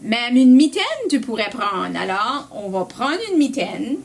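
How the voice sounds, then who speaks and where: A young woman with a Québécois accent teaching young children, asking them questions in a slow, sing-song way. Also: fairly high pitch, animated, creaky. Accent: Québécois French. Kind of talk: children's lesson.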